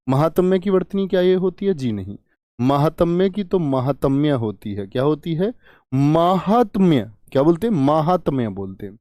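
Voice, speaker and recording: A man's voice: on the high side, dark tone, dry recording. A man teaching Hindi grammar in a live online exam-prep class, asking questions and repeating key words. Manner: asks and answers his own questions, repeats key words.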